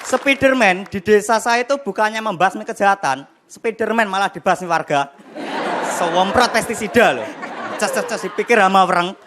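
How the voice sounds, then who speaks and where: A young man performing a stand-up comedy set on a TV studio stage, telling animated stories with acted-out voices and sound effects. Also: sits high, moderate pace. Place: television studio stage with live audience. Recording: noisy broadcast with loud crowd laughter. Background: audience laughter.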